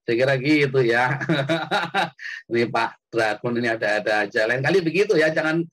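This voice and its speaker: A man hosting an online call-in, preaching casually and answering a caller with animated, lively delivery. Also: normal speed, husky. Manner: animated, jumps high when quoting or shouting. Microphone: computer mic on an online call.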